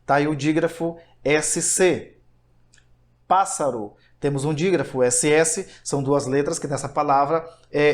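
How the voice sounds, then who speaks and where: A man teaching a grammar lesson online, explaining step by step and asking himself rhetorical questions. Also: fairly high pitch.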